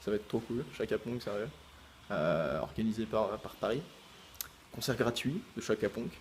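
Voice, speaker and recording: A man's voice: fairly low pitch, lively intonation, moderate pace, slight background noise. A man who makes gaming videos, chatting casually to his viewers in a rambling, hesitant way full of fillers and restarts. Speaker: gaming YouTuber. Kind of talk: casual vlog chat.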